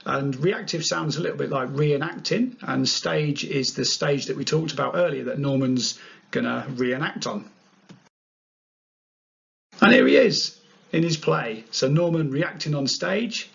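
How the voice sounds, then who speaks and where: A man's voice: on the high side, expressive, measured pace, vocal fry, a bit bright. A man presenting a study tutorial in a playful, upbeat way. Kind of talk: narrated revision tutorial. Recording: dull lo-fi sound.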